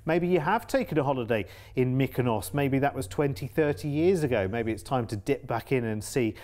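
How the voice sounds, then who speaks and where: An English man with a mid-pitched voice co-hosts a TV shopping segment. His patter is upbeat and he repeats words for emphasis, recorded on a studio mic. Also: brisk, darkish tone. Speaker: cruise sales presenter. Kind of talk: TV shopping channel presenting.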